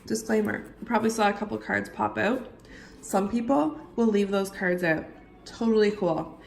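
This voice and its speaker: A woman with a husky, gravelly whiskey voice, getting over a cold, chatting casually and directly to the viewer as she teaches tarot reading. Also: mid-range voice, moderate pace. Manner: informal, conversational, talks directly to viewer. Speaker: tarot reader giving a tutorial. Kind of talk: casual instructional chat. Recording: roomy echo, faint background noise.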